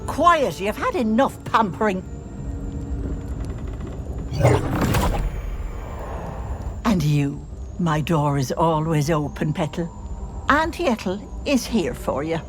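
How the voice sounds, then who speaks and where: A woman's voice: lowish voice, big pitch swings, unhurried, faint music behind. A woman voicing a bossy, sly old auntie hag in a video game, folksy and cajoling, with menace under the sweetness. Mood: brisk, cajoling.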